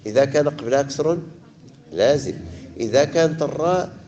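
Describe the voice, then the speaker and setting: A man with a Moroccan Arabic accent teaching a tajweed lesson to a class. He recites verses slowly, stretching the sounds, then explains the rules briskly to his students. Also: fairly high pitch, warm tone, dull audio.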